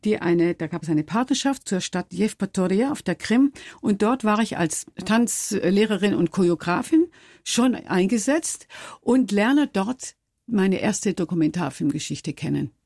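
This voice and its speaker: A woman's voice: mid-range voice, expressive, measured pace, darkish tone, dry recording, clean studio sound. A woman, a documentary filmmaker, telling how she started out and often restarting her sentences. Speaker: documentary filmmaker, interview guest. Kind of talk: relaxed interview talk.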